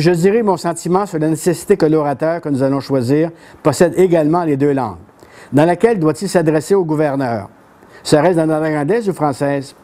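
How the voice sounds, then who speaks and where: An older man from Quebec, with a Québécois French accent and a warm tone, gives a history lecture to a small audience in a brick-walled bookshop café. He reads from a tablet in a plain, conversational way, lifting his pitch for quoted speeches.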